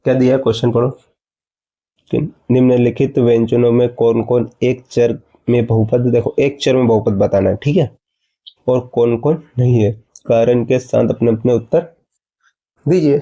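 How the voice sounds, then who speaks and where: A man's voice: mid-range voice, steady tone, normal speed, warm tone, highs cut off. A man teaching a maths lesson, explaining step by step and asking his students questions before answering them himself. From India.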